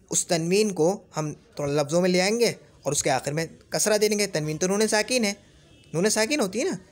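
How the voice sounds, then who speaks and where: A man teaching Arabic grammar in Urdu, repeating each example word slowly and checking in with "theek hai?". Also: sits high. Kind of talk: explaining a grammar lesson.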